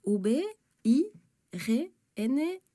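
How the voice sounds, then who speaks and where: A young French waitress at a front desk, in a textbook audio dialogue. Her voice is slightly high and mellow, slow and dry. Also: big pitch swings, no room sound, heavily acted. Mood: plain. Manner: plain, clear answers spelling things out.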